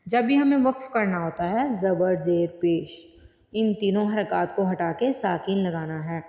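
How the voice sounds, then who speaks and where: A woman teaching Quran tajweed word by word, explaining each rule plainly and then reciting the words slowly with long drawn-out vowels. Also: medium pitch, dark tone. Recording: echoey room with long reverb.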